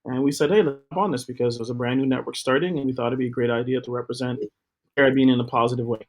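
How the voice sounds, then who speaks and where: A man's voice: medium pitch, steady tone, rapid-fire. A middle-aged man talks about his work as an interview guest in an upbeat, promotional way, with a few fillers along the way. His voice sits in a mid-range register. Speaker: guest, TV co-founder. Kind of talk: interview talk.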